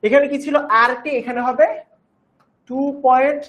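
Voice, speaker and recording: A woman's voice: high voice, steady tone, moderate pace. Patient woman teaching chemistry. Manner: patient, repeats each step, coaxes students with "baba". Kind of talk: online class lecture.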